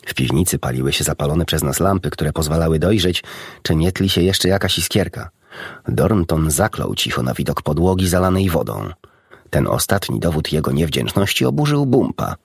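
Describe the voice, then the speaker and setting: A man narrating a children's storybook in a steady, even-paced reading. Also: deep voice, breathy edge, no room sound, clean studio sound. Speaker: audiobook narrator.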